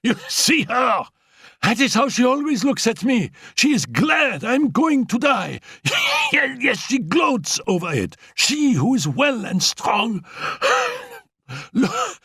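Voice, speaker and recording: In an audiobook, a man gives a full character voice to a dying young woman, going high-pitched, breathless and coughing, feverish yet defiant and imperious as she laughs between pleas and commands. His delivery is sing-song and slow, gravelly and husky with a fairly bright tone, recorded dry at studio quality.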